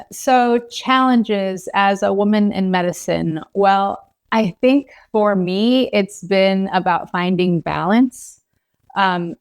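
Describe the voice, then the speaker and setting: A woman's voice: mid-range voice, smooth. A woman from Los Angeles in her thirties, a physician guest talking in a casual, hesitant way full of ums, likes and you knows. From Los Angeles, California. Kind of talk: casual podcast conversation.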